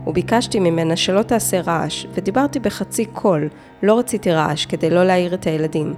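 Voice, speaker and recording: A woman narrating a true-crime story, reading in a measured way with short, clipped phrases. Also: on the low side, a little mellow. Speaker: podcast narrator.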